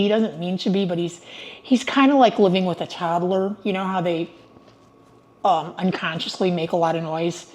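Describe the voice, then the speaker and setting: A woman's voice: on the low side, a little mellow. An older woman in retirement chatting casually to her viewers from her home, upbeat and prone to digressions. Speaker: retiree vlogger. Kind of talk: casual vlog monologue.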